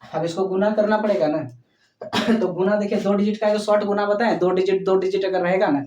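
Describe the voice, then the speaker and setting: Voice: medium pitch, fairly even intonation, darkish tone, dull audio, slight background noise. A math teacher giving a step-by-step lesson, often checking in with the students and calling them "child". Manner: explains slowly, often checks in with "okay?"; addresses students fondly as "child". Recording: echoey room, voice far from mic.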